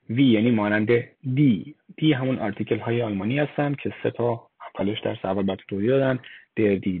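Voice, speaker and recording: مردی با صدای گرفته در درس زبان. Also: male voice, lowish voice, slightly rough, dry recording. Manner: slow, spelled-out explanations, vowel by vowel, with fillers. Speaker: German language teacher. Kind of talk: slide-based language lesson. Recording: dry, phone-like lo-fi voice-over.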